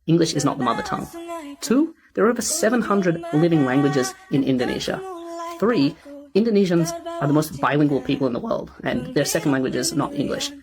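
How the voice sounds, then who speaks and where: A woman's voice: low voice, expressive, moderate pace. A woman giving emphatic, numbered advice to an audience. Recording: crowd noise around voice.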